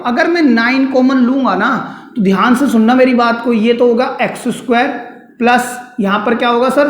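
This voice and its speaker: A man teaching a maths lesson at a board, explaining step by step and putting questions to his students, then answering them himself. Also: extremely high pitch. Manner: calls students "beta" and "sir". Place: classroom with a board. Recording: echoey room.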